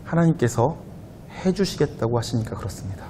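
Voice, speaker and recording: A man pastor giving a conversational sermon to a young adult congregation in a church, at times growing louder and higher as he presses a point. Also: a little fast, a little hiss or hum. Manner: conversational preaching, rising loud and high when animated. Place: church sanctuary.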